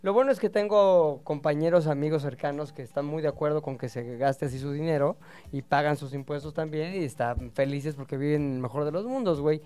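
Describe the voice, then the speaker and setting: Man, Mexican accent, high voice, smooth and clear, podcast host, rowdy casual chat. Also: fairly quick. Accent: Mexican Spanish. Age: adult father. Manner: animated, crude and joking, with sudden loud bursts.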